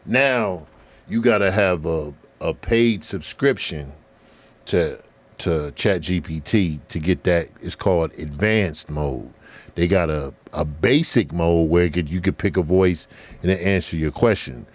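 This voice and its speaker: A man hosting a casual conversation, relaxed and talkative, often repeating words. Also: sits low, unhurried. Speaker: host. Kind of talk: casual chat.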